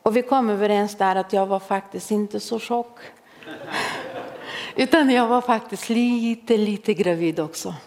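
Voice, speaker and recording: A woman's voice: mid-range voice, a little mellow. A woman in her forties preaching a sermon to a congregation, humorous and self-mocking, laughing along with the listeners. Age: 40s. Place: church hall. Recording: long hall reverb.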